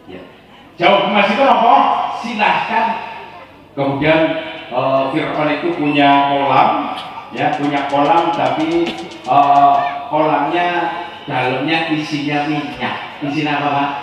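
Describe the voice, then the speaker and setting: A man with a Tegal Javanese accent giving a comic sermon, telling a story with lively delivery and quizzing his audience. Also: a little high, a little slow, music in the background. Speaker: preacher. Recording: echoey hall from far off.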